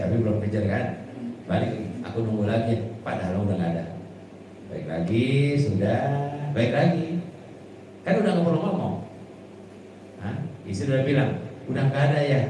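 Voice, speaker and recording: A man preaching an informal sermon, chatty, with Arabic quotes and frequent restarts. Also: on the low side. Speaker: Islamic preacher. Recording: echoey hall from far off, with noise.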